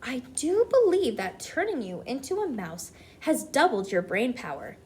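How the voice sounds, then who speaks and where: A woman voicing an old grandmother in a storybook, composed, firm and shrewd, speaking deliberately and with emphasis. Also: on the high side, big pitch swings, darkish tone, slight background noise. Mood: admiring.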